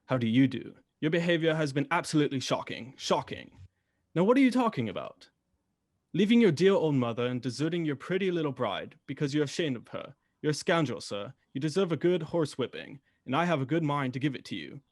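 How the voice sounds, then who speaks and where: A man acting in a radio drama as Doctor Watson, a blustering, kindly, indignant gentleman with old-fashioned turns of phrase. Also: on the high side, very animated, fairly quick, no echo, clean studio sound.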